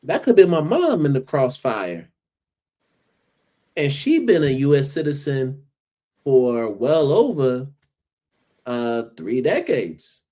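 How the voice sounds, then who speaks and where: A man with an American accent, a guest educator on a podcast, speaking in an earnest, measured way. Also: medium pitch, very animated, mellow. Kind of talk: casual podcast chat.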